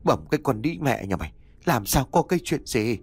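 A man voicing a cowardly old rich landlord who shouts in panic. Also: medium pitch, expressive, fairly quick, creaky, slightly rough, faint music behind. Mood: panicked.

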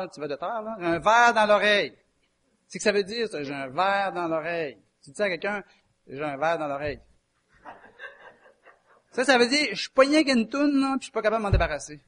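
His voice is high and a bit bright. This Québécois-accented man from Quebec preaches a folksy, conversational sermon, chatting with his listeners and quizzing them along the way.

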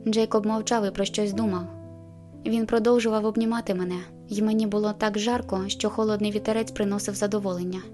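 A woman narrating a novel in the first person, in a measured, intimate storytelling manner. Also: medium pitch, level tone, music in the background. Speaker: audiobook narrator.

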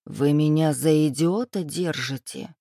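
A woman reading a storybook, voicing a cold, menacing man who purrs low and then barks orders. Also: measured pace, vocal fry, dark tone, no room sound, studio quality. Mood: cold interrogating. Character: cold, menacing man, a powerful boss's right hand.

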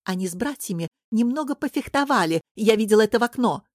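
A woman's voice: a little high, expressive, fast talker, no echo, clean studio sound, pitched above the performer's own voice. A woman reading an audiobook who voices a frivolous young princess, breezy, eager and a little impatient. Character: gushing, frivolous young court lady princess. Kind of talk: audiobook character voice.

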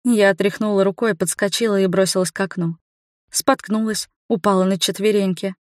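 A woman's voice: medium pitch, fairly even intonation, a little fast, dry recording. Woman narrating a tense audiobook. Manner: tense, suspenseful storytelling. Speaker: audiobook reader. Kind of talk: first-person audiobook narration. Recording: dry close studio sound.

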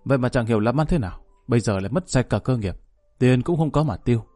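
Male reader as a stern aging father in an audio story: curt, cold, dark-toned. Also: medium pitch, animated, fast, no room sound, lightly acted. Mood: gruff. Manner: curt, scolding.

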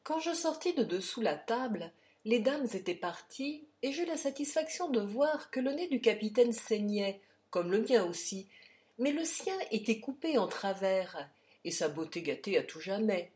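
Brief: woman audiobook narrator, first-person classic novel, steady and expressive. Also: mid-range voice, moderate pace. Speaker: audiobook reader.

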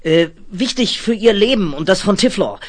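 A man's voice: high-pitched, lively intonation, normal speed. An actor playing a panicked, desperate man caught up in a bomb plot, stammering and frantic, in a 1970s radio play. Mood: urgent, pleading. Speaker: Sherman Ravitch. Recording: faint hiss of an old vinyl record.

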